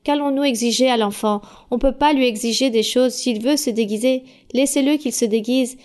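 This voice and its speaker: A woman church leader answering questions at a Bible study, calm, direct and instructive. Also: a little high, normal speed.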